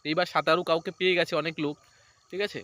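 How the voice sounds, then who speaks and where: A man's voice: on the high side, little pitch movement, rapid-fire, bright, forceful tone. A man, chatting casually in a vlog outdoors beside a paddy field. He rambles and keeps checking in with "right?". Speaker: vlogger.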